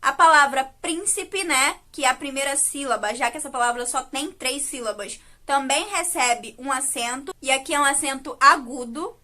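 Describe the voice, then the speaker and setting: A woman's voice: sits high, normal speed, hardly any pauses, sharp tone. A Brazilian Portuguese-speaking woman teacher giving a recorded video lesson, explaining patiently and checking in with frequent tag questions.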